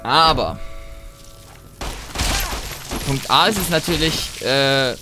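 A man gives casual let's play commentary in an animated, mid-range voice, thinking aloud as he rambles haltingly and breaks off mid-thought. The background is noisy.

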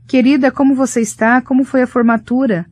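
A woman reading the part of a gentle, anxious mother calling her daughter. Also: mid-range voice, fairly quick, no room sound, natural voice. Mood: tender, concerned. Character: warm worried middle-aged mother on the phone.

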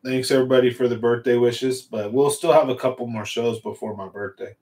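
A man's voice: mid-range voice, steady tone, a little fast, darkish tone. Male host, 40, fishing livestream, easygoing and rambling; small home room, big studio mic up close. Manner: rambling, laid-back, reads and answers chat. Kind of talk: casual livestream chat. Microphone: large studio mic on a stand in front.

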